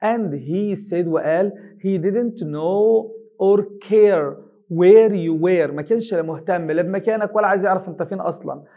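An English teacher with an Egyptian Arabic accent, who reads a story slowly in English and translates each line quickly into colloquial Arabic. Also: male voice, high voice, narrow, tinny audio. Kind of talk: reading an English reader aloud line by line and translating it.

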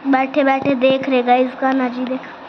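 Holding her phone while she strolls outdoors near home in a village, a chatty woman keeps telling her viewers to take a look. Her high voice stays monotone at a normal pace, and the recording is muffled with background noise.

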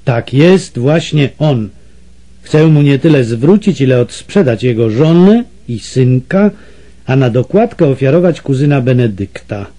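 Storybook villain: man reading a mocking, menacing trader, dark-toned, lively contour. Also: mid-range voice, measured pace. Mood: sneering, menacing. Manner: sneering and menacing. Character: scheming, mocking Portuguese male slave trader.

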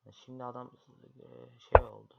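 A man's voice: medium pitch, flat delivery, moderate pace, gravelly, over a noisy crowd. A man commentating his own online chess games, grumbling and muttering in frustration at his opponent. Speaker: chess streamer. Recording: lo-fi, loud background noise.

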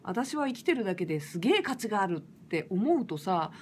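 A woman singer from Fukushima chatting casually and roughly on a late-night livestream, laughing often. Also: mid-range voice, fairly quick, slight background noise. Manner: lively, rough casual speech with frequent laughs.

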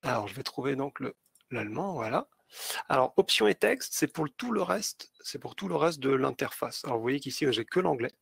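A man giving a step-by-step software tutorial to teachers, with many small hesitations and fillers. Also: medium pitch, sing-song, moderate pace, vocal fry, breathy edge, dry recording. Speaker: teacher trainer. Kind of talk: screen-share tutorial.

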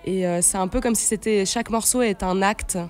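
This Swiss-born singer-songwriter, who lived in Brazil as a teenager and is in her late 20s, sounds casual and hesitant in a radio interview. Her mid-range voice moves briskly over soft background music, recorded close on a studio stand mic.

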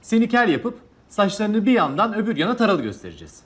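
A man's voice: high-pitched, huge pitch swings, fast. A man playing a director at an audition in a sitcom, giving bossy, pushy instructions. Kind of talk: sitcom acting.

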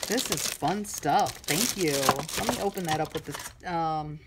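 A middle-aged woman crafting vlogger gushing excitedly over a mail swap, chatty and full of fillers. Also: low voice, a little slow. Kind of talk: casual unboxing chat. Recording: noisy room with crinkling and clicks.

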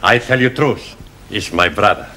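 A man's voice: fairly low pitch, moderate pace, sharp tone. An actor playing a cheerful Spanish barman student who speaks broken English with a heavy Spanish accent, in a sitcom scene. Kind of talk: 1970s studio sitcom acting. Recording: noisy studio audience laughter. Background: studio audience laughing.

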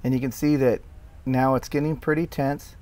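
A man's voice: mid-range voice, fairly even intonation, moderate pace, darkish tone. Plain-spoken man explaining his work. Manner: plain, explanatory, with many fillers and restarts. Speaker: tree care worker explaining his video. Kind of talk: casual voice-over commentary.

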